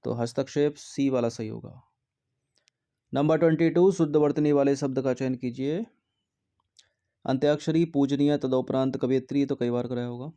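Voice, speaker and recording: A man's voice: medium pitch, steady tone, normal speed, warm tone. A man teaching Hindi grammar, reading out exam questions and their answer options, then explaining methodically which one is correct.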